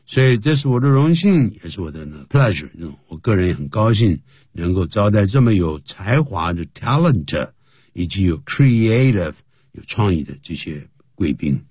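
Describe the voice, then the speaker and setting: Man, English teacher, radio lesson, husky voice, lively swooping pitch, dry close sound. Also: normal speed, dry recording. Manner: explains phrases, spells words aloud letter by letter.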